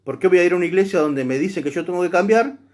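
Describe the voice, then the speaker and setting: A man teaches a church class. His voice sits a little high for a man, and he speaks emphatically and conversationally, turning often to the listener. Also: rapid-fire, darkish tone. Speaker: Bible teacher.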